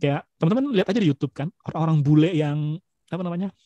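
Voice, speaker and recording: A man's voice: a little high, fast talker, dry recording, muffled recording. Young man, casual webinar guest, chatty, filler-heavy, dry close sound. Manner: relaxed, chatty, many fillers and restarts, laughs often. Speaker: guest speaker.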